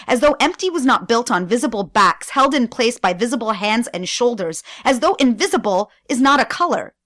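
A woman guest performing spoken-word poetry on radio, with slow, deliberate delivery and dramatic pauses. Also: medium pitch, a bit bright, no echo, clean studio sound. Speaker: guest poet.

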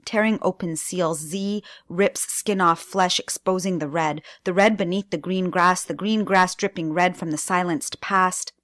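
A woman guest performing spoken-word poetry on radio, with slow, deliberate delivery and dramatic pauses. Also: fairly low pitch, steady tone, a bit bright, no room sound, clean studio sound. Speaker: guest poet.

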